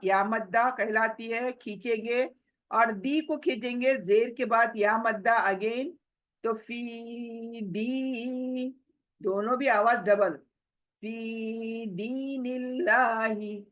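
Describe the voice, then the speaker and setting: A woman teaching Quran recitation rules slowly, drawing out syllables and answering her own questions. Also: a little high, fairly bright tone, highs cut off. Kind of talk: slow tajweed lesson, spoken and recited.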